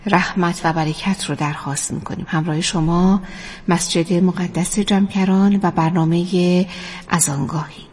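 A woman's voice: lowish voice, fairly even intonation, darkish tone, breathy edge. A woman radio presenter announcing a religious broadcast in a formal, reverent manner and reciting devotional prose. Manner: reverent, measured.

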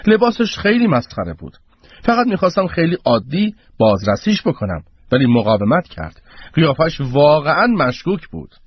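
A man's voice: a little high, big pitch swings, husky, no room sound. Man doing a defensive blustering patrolman. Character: self-justifying blustering patrolman. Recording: dull radio broadcast.

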